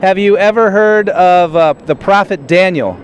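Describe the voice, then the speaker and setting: A man with a fairly high voice hosts a street interview show and stops passers-by with the same simple questions. He speaks plainly and hesitantly, filling gaps with "uh" and restarting his sentences. A light hum of traffic and city noise sits behind him. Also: unhurried, a faint crowd. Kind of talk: street interviews and direct-to-camera intro.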